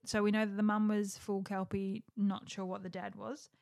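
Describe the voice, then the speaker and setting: A woman's voice: mid-range voice, little pitch movement, normal speed, vocal fry, a little mellow, no echo, clean studio sound. A young woman chatting casually as a podcast co-host, laughing easily. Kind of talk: casual chat.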